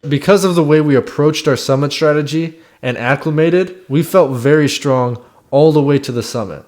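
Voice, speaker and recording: A man's voice: fairly high pitch, moderate pace, darkish tone. A man reading a scripted first-person voice-over about his own expedition in a reflective storytelling way. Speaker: climber narrating own expedition.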